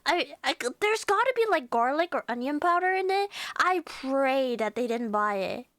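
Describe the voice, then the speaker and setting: A woman's voice: high-pitched, lively intonation, normal speed, fairly bright tone, dry recording. A woman chatting to viewers as a livestream host, with a cute, bubbly anime-streamer manner and a playful, rambling way of talking. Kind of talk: livestream casual chat with viewers.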